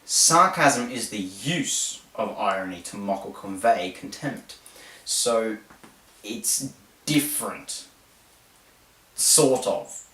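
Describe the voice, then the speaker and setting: A man's voice: fairly low pitch, takes it slowly, pauses often. Rambling jokey man, echoey. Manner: playful, rambling, self-mocking, animated storytelling. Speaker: host. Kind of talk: jokey explainer monologue. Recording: roomy echo, distant mic.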